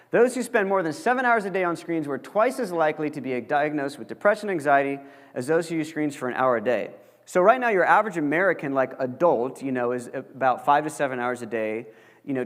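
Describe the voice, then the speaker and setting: A young man giving a casual lecture to college students, chatty and joking, full of fillers. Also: fairly high pitch. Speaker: guest lecturer. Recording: long reverb of a large hall.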